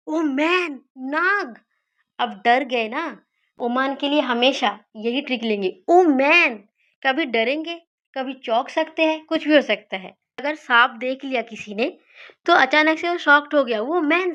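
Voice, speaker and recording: A woman teaching study mnemonics, repeating key words slowly and asking and answering her own questions. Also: high-pitched, bright, forceful tone, lo-fi sound. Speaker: teacher of memory tricks.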